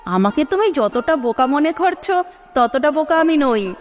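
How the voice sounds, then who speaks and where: A woman voicing a nervous young wife who pleads and coaxes in a storybook reading, with a long reverb and soft sitar music behind. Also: high-pitched, lively intonation, measured pace, voice pushed up. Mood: pleading.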